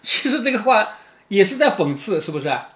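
Brief: chatty male storyteller-commentator, bright and animated, keeps asking "right?". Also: high-pitched, fairly quick. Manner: conversational, asks rhetorical questions. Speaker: father reading and explaining a classic novel to his daughter.

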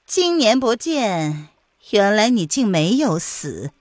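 A woman's voice: mid-range voice, big pitch swings, takes it slowly, no echo, studio quality. A woman voicing a scheming villainess who poisons people, speaking in a sly, taunting way in a storytelling reading. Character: cold scheming poisoner lady, mocking. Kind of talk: audiobook character voice.

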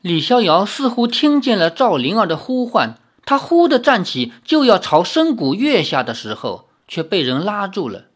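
A storyteller reading a novel aloud, expressive, dropping low and soft on the sad passages. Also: normal speed, hardly any pauses. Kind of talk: read-aloud novel narration.

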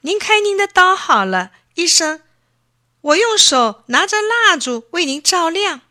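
A woman voicing an eager, quick-witted young boy in a children's story, with high, excited childlike calls. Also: heavily acted. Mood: pleading.

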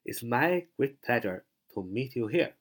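A man in an online English lesson, speaking at an ordinary mid-range pitch. He spells each word out letter by letter, repeats example sentences at an unhurried pace, and fills his pauses with a long, drawn-out "ah". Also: very animated. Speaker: English teacher.

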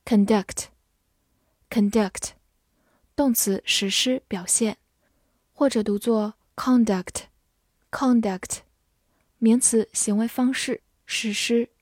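A woman giving a scripted vocabulary lesson, spelling out letters and repeating each word slowly. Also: on the high side, fairly even intonation, dry recording, clean studio sound. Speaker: English teacher.

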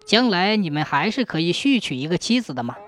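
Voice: medium pitch, big pitch swings, fairly quick, natural voice. A storyteller voicing a stern, clever old county magistrate who mocks and commands. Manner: sharp, mocking, commanding.

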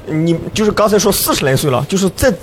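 A man, co-hosting a casual podcast chat, speaking haltingly. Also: high voice, animated, slight background noise. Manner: halting, hesitant.

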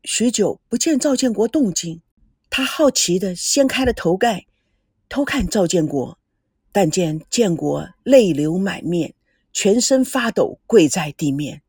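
A woman narrating a story in an emotive reading style, with a husky, breathy voice. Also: medium pitch, animated, a little slow, a little mellow, no echo, studio quality.

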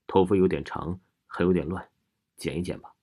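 A man voicing a vengeful female ghost in a mirror, coaxing softly and shrieking orders. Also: low voice, fairly even intonation, moderate pace, slightly rough. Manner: coaxing, then shrieking commands.

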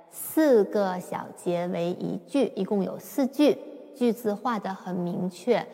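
A woman giving a patient, step-by-step piano lesson, explaining slowly with occasional fillers. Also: medium pitch, darkish tone. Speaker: piano teacher. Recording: long reverb with piano. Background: piano played at times.

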